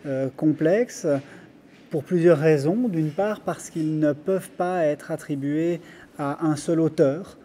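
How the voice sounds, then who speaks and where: Dark-voiced Belgian French man. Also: on the high side. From Brussels, Belgium. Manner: careful, measured explaining with frequent pauses and restarts. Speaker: guest researcher. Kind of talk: academic interview.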